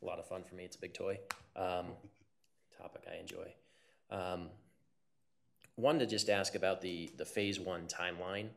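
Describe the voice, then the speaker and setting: A man speaking informally as a committee member at a public meeting, phrasing his questions and comments haltingly. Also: deep voice, fairly even intonation.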